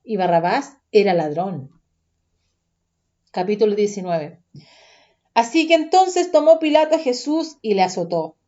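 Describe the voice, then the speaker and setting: A woman reading scripture aloud, calm, deliberate and even. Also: mid-range voice, highs cut off. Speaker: Bible reader.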